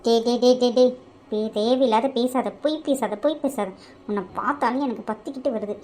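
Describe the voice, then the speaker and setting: A woman's voice: a little high, moderate pace, dark tone, close to an everyday voice. A woman voicing a married young woman in a cartoon who scolds and pleads with an exasperated edge. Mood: angry. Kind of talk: cartoon voice acting.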